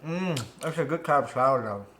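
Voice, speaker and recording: A young woman chatting casually with a friend on a vlog, relaxed, with short reactions. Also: a bass voice, moderate pace, a little hiss or hum. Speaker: friend of the vlogger. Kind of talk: casual chat.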